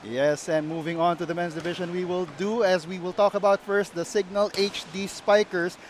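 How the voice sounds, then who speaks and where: A man's voice: sits high, flat delivery, moderate pace, slight background noise. A man with a Filipino accent hosting live sports commentary as a play-by-play broadcaster.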